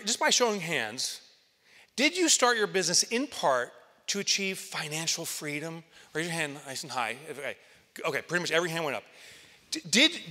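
Animated keynote speaker in a big hall. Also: male voice. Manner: lively storyteller, acts out quotes and jumps to excited highs. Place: large conference hall, on stage in front of an audience. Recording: reverberant hall.

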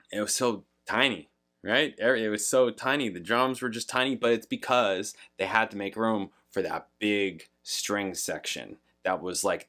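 Low-voiced man musing casually. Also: a bit bright. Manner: rambling, many fillers, laughs, reads lyrics aloud. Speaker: music reaction host. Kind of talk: casual reaction commentary.

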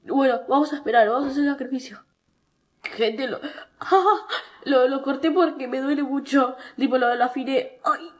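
A woman's voice: high-pitched, moderate pace. Stuffy-nosed young Argentine woman vlogging. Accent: Argentine Spanish. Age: young adult. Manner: chatty, self-mocking, whiny when in pain. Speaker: TikTok creator. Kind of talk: casual vlog chat.

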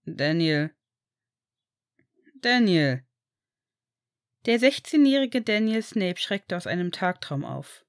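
A woman reading a fan-written story aloud in a steady storytelling narration. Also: mid-range voice, normal speed, hardly any pauses, dry recording, studio quality. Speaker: fanfiction reader.

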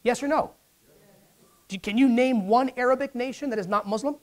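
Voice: medium pitch, fairly quick. A preacher giving a sermon, asking the congregation for responses and acting out Bible figures in dialogue.

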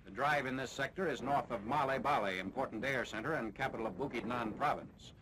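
A man reads war footage in the brisk, authoritative manner of a 1940s newsreel. His pitch is average. The old newsreel soundtrack is thick with loud noise and battle sounds. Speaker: newsreel narrator. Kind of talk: 1940s wartime newsreel narration.

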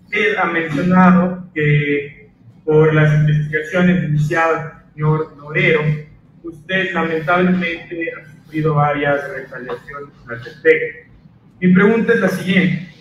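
A man, a defense lawyer, cross-examining a witness in a deliberate way with frequent hesitations. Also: fairly high pitch, lo-fi sound, slight background noise. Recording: distant, echoey courtroom audio.

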